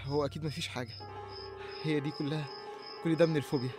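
A young man with an Egyptian Arabic accent playing a frightened man lost in dark fields in an audio horror drama. He stammers and restarts in panicky, breathless talk to himself. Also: fairly high pitch, fairly even intonation, very fast, natural voice. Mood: terrified. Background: faint music and chirping crickets.

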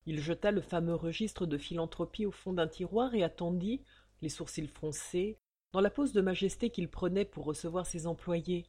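A woman reading a novel aloud as narrator, with expressive, dramatic storytelling. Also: fairly low pitch, moderate pace, husky. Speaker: audiobook narrator.

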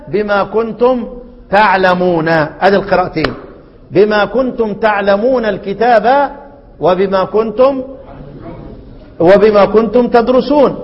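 A man with an Egyptian accent teaching a recitation lesson, often asking his students rhetorical questions and repeating key words. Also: high voice. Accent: Egyptian Arabic. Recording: lo-fi recording in a reverberant hall.

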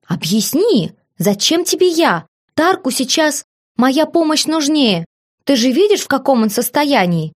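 A woman's voice: sits high, big pitch swings, a little slow, hardly any pauses, voice pushed up, heavily acted. A woman voicing an indignant young nobleman who grumbles and protests in an audiobook. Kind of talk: audiobook character voice.

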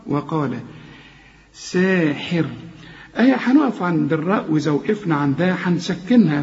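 A man with an Egyptian accent teaching Quran recitation, patiently correcting and slowly drawing out the words he recites as examples. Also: high voice, a little mellow. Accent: Egyptian Arabic. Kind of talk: tajweed lesson with recited examples. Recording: dull lo-fi audio in a long-echo hall.

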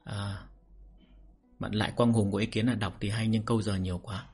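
A man's voice: on the low side, moderate pace, breathy edge, soft background music. A man, the channel's host, talking casually and a little defensively to his listeners. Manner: relaxed, mildly defensive, chatty.

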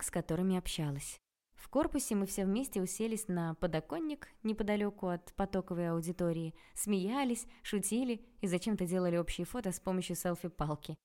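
A woman narrating a first-person audiobook in a lively, ironic storytelling manner. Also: medium pitch.

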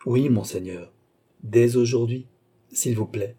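A man reading a cold, composed count who calmly demands repayment, keeping a polite but unyielding manner. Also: medium pitch, takes it slowly. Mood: cool. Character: icy, composed male count and sorcerer-creditor.

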